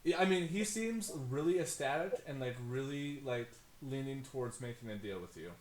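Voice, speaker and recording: A man's voice: medium pitch, expressive, normal speed, darkish tone. A man narrating an improvised tabletop game as game master, rambling and informal. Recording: echoey room.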